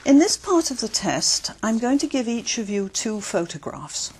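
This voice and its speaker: A woman examiner asking set questions in a speaking test, measured and clear. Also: a little high, sing-song, darkish tone, slight background noise. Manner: measured and clear, encouraging murmurs. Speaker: exam interviewer.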